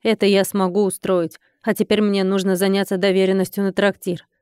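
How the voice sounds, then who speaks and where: A woman voicing a calm, self-assured scheming man in an audiobook, cool and mildly mocking. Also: mid-range voice, fairly quick, clear, resonant tone, dry recording, studio quality, natural voice. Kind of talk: audiobook character reading.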